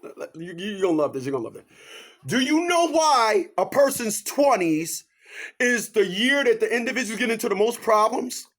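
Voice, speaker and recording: A man in his fifties, with a fairly high voice and big pitch swings, gives a preachy motivational monologue at normal speed. He fires off rhetorical questions and repeats catchphrases, moving hard between loud, lifted lines and low, hushed asides.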